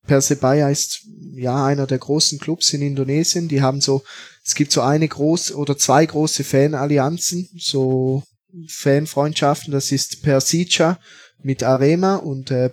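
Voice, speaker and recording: A man talks as a guest on a podcast. His pitch stays flat and even, and he often stops to fill gaps and restart his sentences. The sound is dry and close. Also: dry recording. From Switzerland. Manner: hesitant, many fillers and restarts. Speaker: podcast guest, football fan. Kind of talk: casual interview talk.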